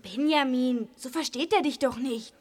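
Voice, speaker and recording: A woman's voice: high voice, moderate pace. A woman voicing an eager, chirpy young boy. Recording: long reverb.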